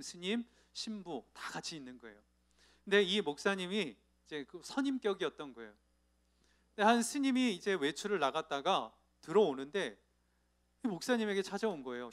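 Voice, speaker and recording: A male pastor preaching to a youth congregation in church, telling stories with lively acted-out voices and asking his listeners questions. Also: fairly high pitch. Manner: lively storytelling, acting out the people in his anecdotes; asks the audience questions directly. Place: church sanctuary.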